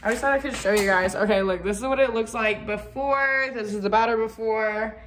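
A young woman talking casually through a cooking tutorial in her apartment kitchen, excitable and chatty, full of "like" and "oh my God," picked up by a camera mic across the room. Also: on the high side, a little fast. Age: young adult. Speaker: cooking vlogger. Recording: echoey room, faint noise.

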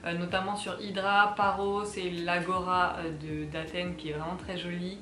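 A woman's voice: on the low side, little pitch movement, moderate pace, bright, forceful tone, reverberant, a little hiss or hum. Chatty young French woman vlogging. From France. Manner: chatty, rambling with many fillers. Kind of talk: casual vlog chat. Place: apartment, indoors.

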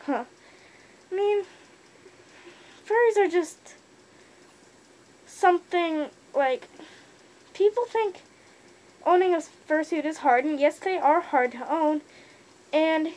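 High-voiced young woman inside a costume head. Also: darkish tone. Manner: rambling, many fillers. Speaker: fursuiter vlogger. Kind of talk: casual opinion monologue.

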